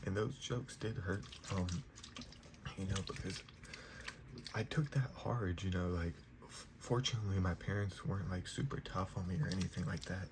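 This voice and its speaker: A young man giving a whispered ASMR pep talk in a soft, reassuring manner. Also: low voice, normal speed. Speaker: ASMR creator giving positive affirmations. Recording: noisy, clear background hiss.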